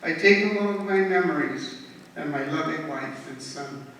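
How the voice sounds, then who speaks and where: Slow, bright-voiced woman reciting poems in a hall. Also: low-pitched. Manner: measured, rhythmic recitation of rhymed verse. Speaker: talent show performer. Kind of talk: poetry reading. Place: talent show stage in a hall. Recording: echoey hall recorded from far off, faint noise.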